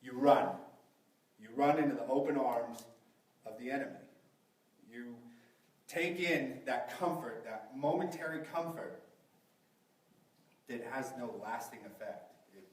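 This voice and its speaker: Echoey preacher at a pulpit microphone. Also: male voice, mid-range voice, unhurried, pauses often, darkish tone. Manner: asks the congregation rhetorical questions. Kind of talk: sermon. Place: large echoey church hall. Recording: very echoey, from a distance.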